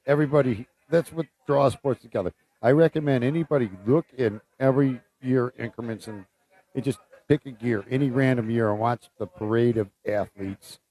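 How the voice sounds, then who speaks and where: Man, sports podcast co-host, casual, swears, mellow tone. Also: mid-range voice, brisk. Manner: loose, swears freely.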